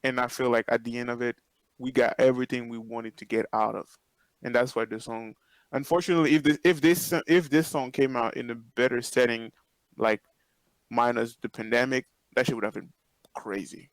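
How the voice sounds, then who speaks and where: A man's voice: medium pitch, steady tone, normal speed, dry recording, rough recording. A man in a band chatting casually, emphatic, often repeating himself for stress. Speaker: band member. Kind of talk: casual chat.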